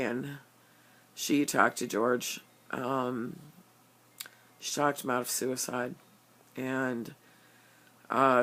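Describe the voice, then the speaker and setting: An older woman telling a personal story, halting and earnest, with stammered restarts and many fillers. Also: very deep voice. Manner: earnest, openly emotional.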